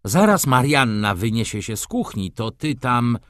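A man voicing a flustered aristocratic baroness who speaks in hurried, agitated bursts. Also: mid-range voice, big pitch swings, a bit bright, dry recording, clean studio sound. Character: flustered aristocratic lady, baroness, easily upset.

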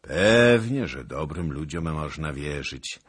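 Man playing a husky, brooding young Cossack chief, slow and grim; audiobook figure. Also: a bass voice, animated, a bit bright, full character voice. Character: fierce young male Cossack leader, brooding.

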